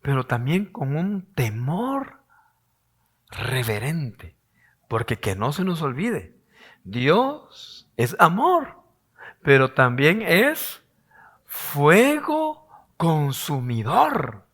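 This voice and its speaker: Hoarse, animated pastor preaching. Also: male voice, on the high side, very slow, long pauses. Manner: animated, acts out quoted voices, rhetorical questions. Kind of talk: sermon.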